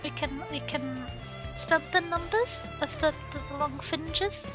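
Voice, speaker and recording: A woman's voice: sits high, takes it slowly, over music. A woman chatting casually to viewers on a game livestream in a cute, bubbly, giggly anime-streamer manner.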